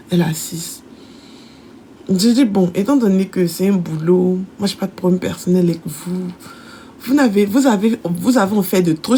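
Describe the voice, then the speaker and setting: Animated woman telling a story. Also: medium pitch, slight background noise. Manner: animated, acts out quoted voices of her employees. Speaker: shop owner telling a story. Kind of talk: casual storytelling.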